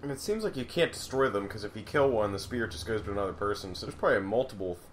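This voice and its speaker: A young man co-hosting a gaming video, tossing out deadpan teasing one-liners. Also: lowish voice, rapid-fire, a little hiss or hum. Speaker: co-host watching the game. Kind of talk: casual gaming commentary.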